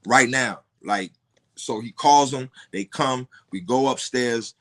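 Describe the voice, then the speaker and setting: A man in the guest seat of a podcast, retelling events in casual street slang. He curses freely and trips over his words, repeating them as he goes. His pitch sits in an ordinary middle range. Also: slow pace. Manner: stumbling repetitions and heavy street slang; profane, animated retelling. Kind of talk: casual storytelling.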